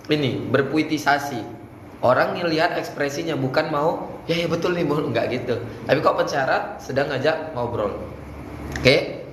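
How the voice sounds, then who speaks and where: A man's voice: on the high side, fairly bright tone. Man teaching speech in a boarding school room, talks casually, breaks into chanting Arabic. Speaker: teacher coaching students in Islamic speech contest. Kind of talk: coaching lesson with demonstrations. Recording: echoey room, faint background noise.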